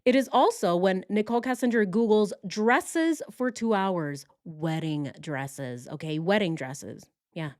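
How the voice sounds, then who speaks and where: A woman's voice: medium pitch, lively intonation, a little slow, few pauses, darkish tone, no room sound. Woman livestreaming true-crime commentary, dry close sound. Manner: rhetorical questions with tag "right?". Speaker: livestream host.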